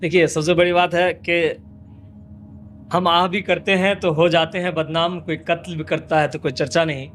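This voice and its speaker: Impassioned high-voiced male politician. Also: steady tone, moderate pace, a bit bright. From West Bengal, India. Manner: impassioned, repetitive rhetorical lists. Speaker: local politician. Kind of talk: interview answers.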